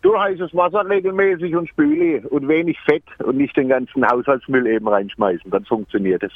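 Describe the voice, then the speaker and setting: A man's voice: mid-range voice, a little fast, dry recording. A man called on the phone from his work van, giving short, clipped answers and often mishearing the questions. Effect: over a phone line. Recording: muffled lo-fi phone line.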